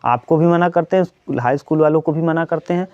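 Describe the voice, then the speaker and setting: Man, teacher, earnest lecture to students, fairly high voice, dry dull lo-fi sound. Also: fairly quick, a little mellow, no room sound. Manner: earnest lecturing, repeats points, asks and answers his own questions. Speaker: coaching teacher. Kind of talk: motivational talk to students during a maths class.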